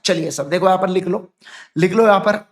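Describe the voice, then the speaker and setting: A man in his thirties from India teaching law in an online class, mixing Hindi and English, dictating slowly and then explaining quickly and directly to students. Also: sits high. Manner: animated, talks to students directly. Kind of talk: online lecture, dictating notes.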